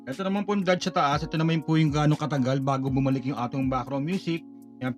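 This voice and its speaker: Polite man explaining gear step by step. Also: a little high. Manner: polite and explanatory, with frequent filler pauses. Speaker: product demonstrator. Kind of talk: product walkthrough tutorial.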